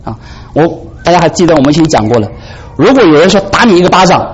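A man preaching a sermon in an animated way, often asking his listeners "right?". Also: fairly high pitch, fast talker, slightly rough. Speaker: pastor. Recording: dull lo-fi recording with faint background noise.

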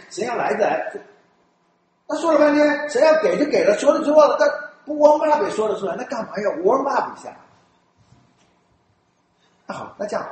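A man from Taiwan speaking Mandarin with a Taiwanese accent, a church elder telling stories in a lively way, often laughing and mimicking people. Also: very high voice. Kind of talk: storytelling talk. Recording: very echoey room with faint noise.

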